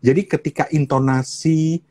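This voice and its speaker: A man's voice: fairly high pitch, steady tone, normal speed, warm tone, breathy edge. A man in his forties, a radio broadcaster speaking in Jakarta colloquial Indonesian, chatting casually on a live stream and explaining with playful examples. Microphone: phone on a live stream.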